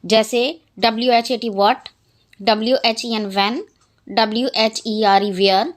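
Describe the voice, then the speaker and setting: Female teacher, slow, measured delivery, fairly high voice, spells words aloud. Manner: reads English slowly, then explains quickly in Urdu. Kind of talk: exercise walkthrough for young pupils.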